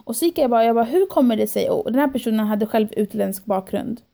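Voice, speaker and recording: A young woman tells a story as a podcast guest, her voice mellow and a touch high. She acts out what she and others said in the moment and slips English phrases into her talk. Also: vocal fry. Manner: animated storytelling, quoting herself and others. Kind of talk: casual podcast chat.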